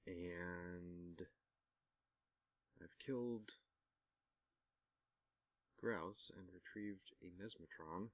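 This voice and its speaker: Man, casual gaming commentary, wry self-mocking asides, deep low voice, dry close sound. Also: very slow, long pauses, dry recording. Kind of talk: casual let's-play commentary.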